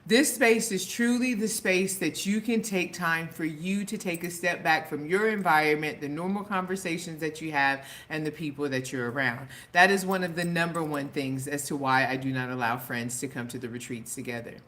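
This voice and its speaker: A woman's voice: low voice, moderate pace, few pauses, a bit bright. A woman coach talking straight to camera in an earnest, motivational way, repeating her key points for emphasis. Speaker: women's empowerment coach. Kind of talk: direct-to-camera vlog talk.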